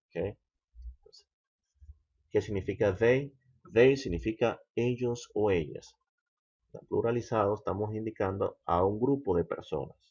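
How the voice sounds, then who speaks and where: A man teaching English grammar, slow and patient, checking in with the listener again and again. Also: deep voice, creaky, a little mellow, husky, highs cut off. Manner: slow, patient, repeats "¿ok?" often. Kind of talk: explaining grammar.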